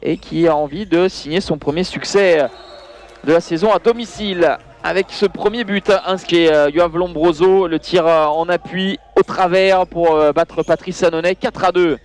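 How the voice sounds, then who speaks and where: A man with a high-pitched voice calls handball highlights as a live commentator. His delivery is excitable and surges when the play heats up. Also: moderate pace. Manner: excitable, voice surging on big plays. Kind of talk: live sports commentary over match highlights.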